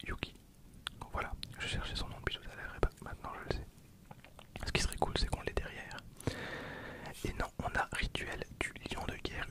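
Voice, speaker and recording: A man in his twenties whispers softly and casually, giving hushed running commentary like in a relaxed ASMR video.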